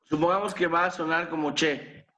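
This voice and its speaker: A man's voice: a little high, fairly even intonation, normal speed, sharp tone, echoey room, a little hiss or hum. A man teaching a class, patiently spelling out sounds one at a time and quizzing his students. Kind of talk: explaining pronunciation to a class.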